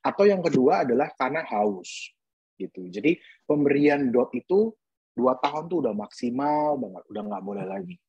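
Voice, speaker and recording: A man's voice: medium pitch, sing-song, normal speed, darkish tone, husky, no room sound, lo-fi sound. A man who is a pediatric dentist, giving an earnest webinar talk to parents and posing emphatic rhetorical questions.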